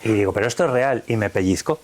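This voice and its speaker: Low-voiced Spanish man telling his story. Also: lively intonation, fast, darkish tone. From Spain. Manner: earnest, vivid storytelling with quoted dialogue. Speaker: interview guest. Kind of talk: recounting a personal experience.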